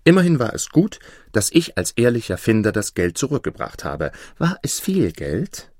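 A man voicing an eager young male apprentice thief in a storybook reading, talking in an excited, pleading way. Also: mid-range voice, moderate pace, no echo, studio quality. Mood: sly.

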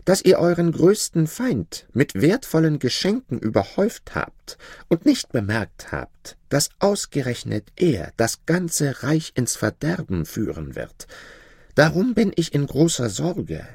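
A man voicing a scheming, envious court vizier who flatters and presses his point insistently, in a storybook reading. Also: a little high, unhurried, breathy edge, no room sound, clean studio sound, exaggerated voice. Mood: flattering. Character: scheming envious male vizier, smooth-tongued.

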